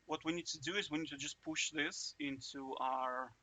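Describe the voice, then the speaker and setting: The voice is a man's, on the high side, steady and sharp, at normal speed. A chatty coding tutor, he thinks aloud during a casual walkthrough, self-interrupts with jokey asides, and regularly checks in with the viewer by saying "right?"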